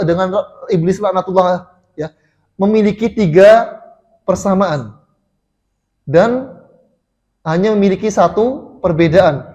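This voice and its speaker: A man's voice: high voice, darkish tone. An Indonesian man giving a mosque sermon, telling stories with frequent restarts and fillers to the congregation. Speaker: preacher.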